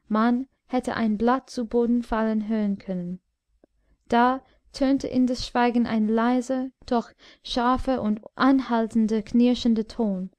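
A woman reading a classic story aloud as an audiobook narrator, measured and solemn. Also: on the high side, darkish tone, dry recording, clean studio sound. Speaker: audiobook reader. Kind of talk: scripted literary narration.

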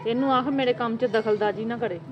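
A woman's voice: fairly high pitch, fast, close to an everyday voice. A woman with a Punjabi accent playing a sarcastic, complaining mother-in-law in a family sketch. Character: nagging sharp-tongued mother-in-law, middle-aged. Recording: lo-fi with loud music.

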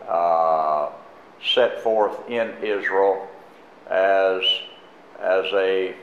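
An older man speaking as a pastor in a church, halting and full of fillers and restarts. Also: low voice, a little hiss or hum. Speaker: pastor introducing a guest teacher. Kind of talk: unscripted church announcements and sermon. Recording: echoey, muffled live church stream.

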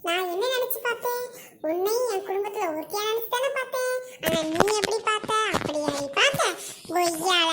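A woman's voice: extremely high pitch, expressive, fairly quick, heavy background noise. Woman doing a grumpy old husband. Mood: angry. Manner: scolding, shouting. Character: grumpy old husband, quarrelsome then sorry.

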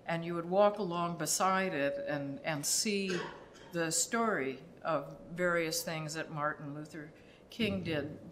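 An older woman, an architect, presenting her work in a public lecture with a reflective, halting delivery full of pauses. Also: on the low side, slight background noise. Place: dim lecture hall, seated at a table on stage.

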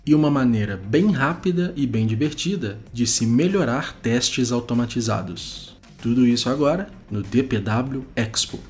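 A man hosting a web development show, giving steady scripted narration over a screencast of tools. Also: medium pitch, normal speed, few pauses. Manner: steady, explanatory, informative.

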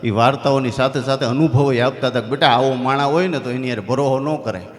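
A man with a Saurashtra Gujarati accent telling comic stories on stage before a live audience. He is animated and jumps into other people's voices. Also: mid-range voice, fast talker. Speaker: comedian and storyteller. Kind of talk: live folk-stage comedy storytelling. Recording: live hall with long reverb and faint music.

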